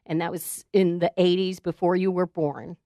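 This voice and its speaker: A middle-aged woman answering quick questions as an interview guest, playful and brief, laughing easily. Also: lowish voice, steady tone, warm tone, no room sound, clean studio sound. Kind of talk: casual rapid-fire Q&A.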